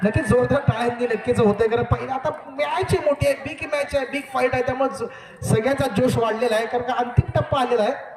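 A man giving live commentary on a local cricket match over an outdoor loudspeaker, joking and repeatedly asking the crowd to cooperate. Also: very high voice, steady tone, quick pace, echoey room, slight background noise. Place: outdoor village cricket ground. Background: crowd at the ground.

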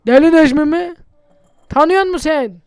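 A man's voice: extremely high pitch, normal speed. A man doing casual, chatty gameplay commentary for his channel, muttering to himself and swearing often. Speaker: gaming YouTuber.

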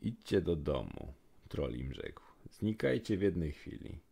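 A man voicing a lonely, gentle male troll in a rhymed storybook poem, with a very deep, gravelly voice. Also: huge pitch swings, measured pace, full character voice. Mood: pleading, gruff. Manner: rhythmic verse delivery.

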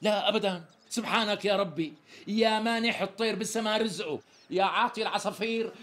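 A man playing a smooth-talking tailor who flatters and dodges the price, speaking with a Syrian accent in a TV sketch comedy. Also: high voice, fast. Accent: Syrian Arabic. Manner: chatty, flowery, laughing salesman patter.

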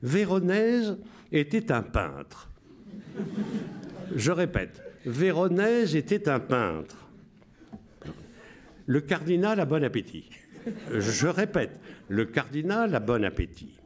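A solemn wartime radio announcer, put on by a man in his seventies, declaims coded messages in a raised, lively voice. Each short phrase comes out measured and emphatic, then is repeated word for word. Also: a little high, slight background noise, voice pushed up. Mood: declaiming.

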